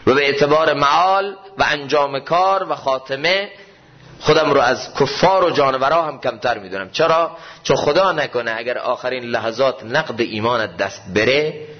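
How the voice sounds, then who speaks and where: A male preacher giving a sermon in a mosque, moving from loud impassioned cries to low, solemn tones. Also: muffled recording. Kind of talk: sermon on mystical poetry.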